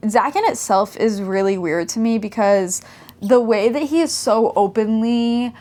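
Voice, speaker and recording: A woman's voice: fairly high pitch, a little slow, mellow. A young woman with a light Southern drawl, chatting casually at home, rambling and filling her talk with "like". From American South. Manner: rambling, heavy use of "like" fillers. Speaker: vlogger.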